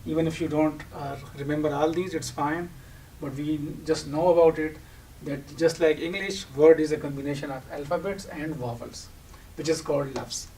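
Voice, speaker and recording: A teacher with a Pakistani accent, whose first language is Urdu, gives an instructional lecture, explaining the material by asking questions and then answering them. His voice is fairly high and darkish, fairly even in intonation, at a moderate pace. The microphone is distant, with audible background noise.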